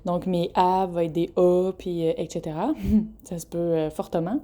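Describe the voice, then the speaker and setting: Chatty young Québécoise woman with a mellow voice. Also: lowish voice, flat delivery, moderate pace. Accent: Québécois French. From Quebec. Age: 20s. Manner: chatty and frank, laughs often between phrases, stumbles over words. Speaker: podcast host. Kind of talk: casual solo podcast monologue.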